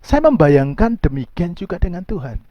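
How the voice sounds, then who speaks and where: A male pastor preaching a sermon, emphatic, dropping to soft low asides and rising to high pleading outbursts. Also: big pitch swings, moderate pace, dry recording, dull audio.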